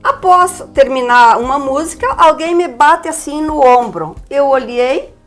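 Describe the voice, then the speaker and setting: A woman's voice: sits high, unhurried, soft background music. An older woman from Brazil, telling her story with energy as a guest on a TV interview. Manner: lively, animated storyteller.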